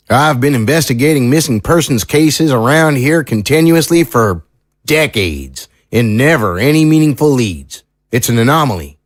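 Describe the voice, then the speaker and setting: In an audio drama, a male actor plays an earnest, troubled small-town sheriff, speaking in a folksy, sincere, measured way. His voice is mid-range and close to an everyday voice, recorded at studio quality with no room sound.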